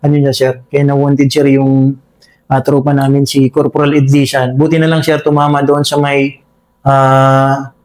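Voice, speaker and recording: A man, a soldier, recounting a combat encounter in an interview, talking haltingly with many fillers and addressing the listener as sir over and over. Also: mid-range voice, monotone, a little mellow. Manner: halting, full of fillers, says "sir" constantly. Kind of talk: spoken war story in an interview.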